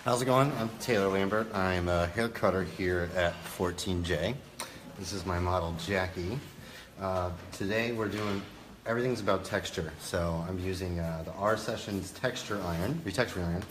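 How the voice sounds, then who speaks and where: Male hair cutter, deep voice, informal and a little hesitant, noisy background. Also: normal speed. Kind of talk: casual demonstration. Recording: clear background salon noise.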